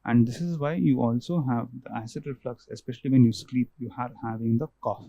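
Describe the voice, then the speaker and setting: A male ENT doctor in a clinic room explains patiently, repeating and restarting phrases as he points things out. His voice is deeply dark and mellow. The recording is dry and a bit dull. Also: a little fast, no room sound.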